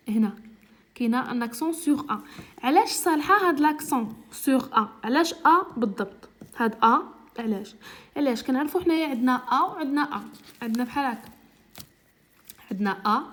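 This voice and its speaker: A woman teacher with a Moroccan Arabic accent explaining a lesson patiently, repeating words slowly and often checking that she is understood. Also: a little high.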